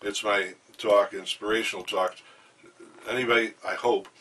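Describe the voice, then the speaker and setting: A man's voice: fairly low pitch, steady tone, normal speed, sharp tone. An older man being interviewed, telling rambling anecdotes with enthusiasm and plenty of fillers, in a hotel room. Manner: enthusiastic, meandering, many fillers. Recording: distant mic, faint background noise.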